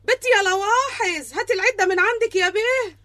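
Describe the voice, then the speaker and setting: A brash veteran wedding dancer, showy and flirtatious in her Egyptian accent. Her voice is very high, and the recording is dry. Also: quick pace, sharp tone, no room sound. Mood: scheming.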